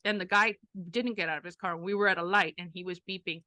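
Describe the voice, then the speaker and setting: A middle-aged woman co-hosting a podcast with her daughter, chatting casually with wry asides and quick reactions. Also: on the low side, steady tone, bright, forceful tone, no room sound. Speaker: podcast co-host, mother of the other host. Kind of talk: casual chat.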